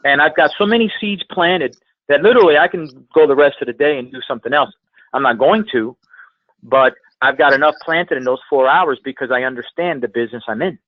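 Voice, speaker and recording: Slightly high and a little fast, this man's voice comes over a conference call with no echo. A sales trainer appearing as a guest speaker, he gives a motivational coaching talk with emphatic delivery and repeated phrases for effect. The telephone line sounds tinny and band-limited.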